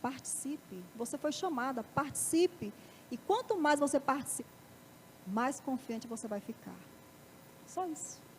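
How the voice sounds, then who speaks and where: A woman's voice: sits high, animated, a little slow, darkish tone, slight background noise. A woman with a Brazilian Portuguese accent gives a live motivational talk in a parish auditorium, often asking the audience rhetorical questions. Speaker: lecturer.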